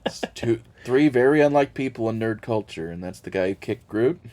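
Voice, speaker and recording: A man from Missouri co-hosting a casual podcast chat, joking and chiming in with quick reactions. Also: medium pitch, animated, a little mellow. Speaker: podcast co-host.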